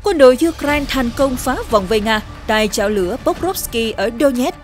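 A woman presenting scripted news in a formal, measured newsreader delivery. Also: on the high side, lively intonation, faint music behind.

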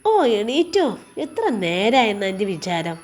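A woman voicing a sharp-tongued, bossy sister-in-law in a spoken story, scolding and sarcastic in a Malappuram Malayalam accent. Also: medium pitch, sing-song, unhurried, pitched below the performer's own voice.

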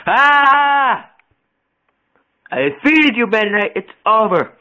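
A man's voice: very high-pitched, slow pace, muffled recording, full character voice. Kirby: a young man voicing a whiny pink hero. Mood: determined. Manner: whiny, excitable, sarcastic asides. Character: small round cheerful pink hero, male. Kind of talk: home-made plush video voice acting.

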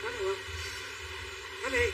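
A woman, selling dresses on a livestream in chatty sales patter to her viewers. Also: normal speed. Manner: chatty, addresses viewers as sisters. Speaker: livestream clothing seller. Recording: from a distance, faint room noise.

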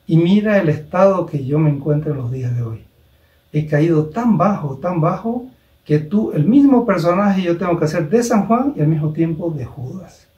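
A man's voice: fairly high pitch, dark tone, muffled recording. A man voicing a remorseful, fallen young man who confesses his sorrowful decline. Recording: roomy echo, distant mic.

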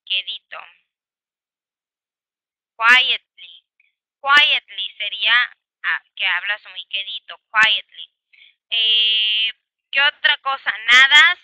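A woman's voice: fairly high pitch, slow pace, pauses often, clear, resonant tone, no echo, muffled recording. Mexican woman teaching English grammar patiently. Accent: Mexican Spanish. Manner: explains patiently with many examples, switching between Spanish and English. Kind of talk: online English grammar class.

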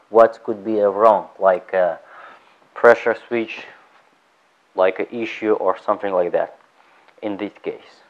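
Slow, halting male furnace instructor. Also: lowish voice, clear, resonant tone, highs cut off. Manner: halting, searches for words, frequent restarts. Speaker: HVAC technician instructor. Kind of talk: hands-on technical demonstration. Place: indoor training room beside an open furnace. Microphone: headset mic.

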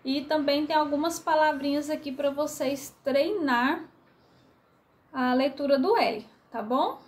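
A woman's voice: high voice, a little slow. A woman teaching a remote literacy lesson to first graders in Brazilian Portuguese, patiently drawing out syllables for young children.

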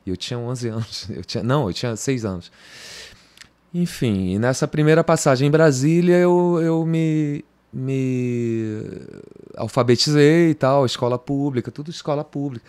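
Recorded through a boom-arm studio mic in a home music studio, this podcast guest, a Brazilian man in his fifties, rambles through a casual interview, often restarting sentences and adding "cara" and "entendeu?". He has a mid-range, slightly mellow voice at normal speed.

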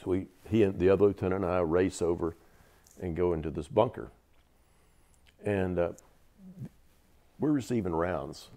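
This veteran from Georgia, a man in his seventies with a Southern accent, talks in a low, dark voice at a moderate pace with long pauses. Interviewed about his past, he tells vivid stories and repeats words to stress them.

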